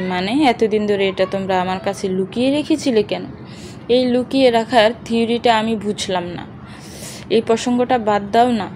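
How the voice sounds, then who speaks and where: A woman's voice: mid-range voice, a little mellow, slight background noise, rough recording. A woman reading an audio story aloud, narrating and speaking every character's dialogue in one voice.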